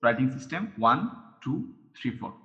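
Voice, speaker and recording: A man's voice: mid-range voice, measured pace, fairly bright tone. A man teaching a language lesson step by step, patiently repeating each sound and counting strokes aloud. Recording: dull lo-fi recording.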